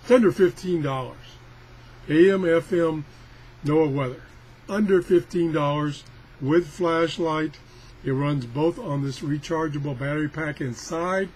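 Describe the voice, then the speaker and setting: An older male product reviewer, his voice on the high side with a darkish tone, casually demonstrates a product. He's rambling, folksy, self-deprecating and grumbling, heard on a clearly noisy amateur recording.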